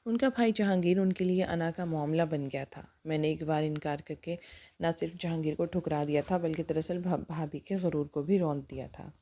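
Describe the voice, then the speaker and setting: A woman's voice: sits low, steady tone, mellow. A woman narrating a first-person dramatic story in an earnest, emotional manner.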